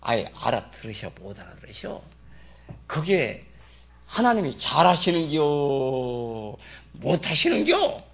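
A man delivers a sermon in a casual, conversational way, constantly quizzing his listeners with rhetorical questions. His voice sits high and bright with a husky edge. He swings his pitch widely, jumping from loud exclamations to low asides. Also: huge pitch swings, takes it slowly. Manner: colloquial, asks the congregation rhetorical questions. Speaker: pastor.

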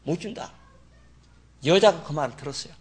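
A pastor preaching a sermon in an animated, folksy way. He speaks to the congregation with dialect asides. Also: a little high, a little fast, husky. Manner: animated, acts out Bible figures in dramatic voices.

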